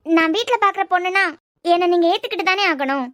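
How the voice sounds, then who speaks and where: Cartoon role: a bold young woman, voiced by a woman, very high and insistent, Kanyakumari Tamil accent. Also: a little fast, fairly bright tone, no echo, clean studio sound. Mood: pressing. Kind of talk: cartoon web-series voice acting.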